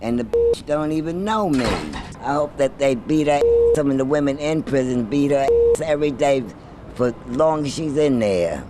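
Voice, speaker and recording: A man's voice: mid-range voice, expressive, normal speed. A man being interviewed, talking in a blunt, indignant and unapologetic way. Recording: faint background noise.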